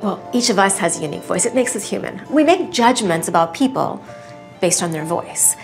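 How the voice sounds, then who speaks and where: A woman's voice: medium pitch, animated, fairly quick, soft background music. A woman researcher explaining her view earnestly in an interview. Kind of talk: interview answer.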